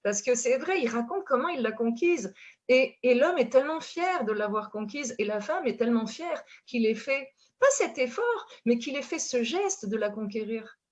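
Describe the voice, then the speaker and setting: A French-accented woman from France talks as a relationship coach, lively and animated, stumbling over restarts and fillers. Her voice sits fairly high. The recording sounds dull and lo-fi. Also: normal speed. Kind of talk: casual conversation.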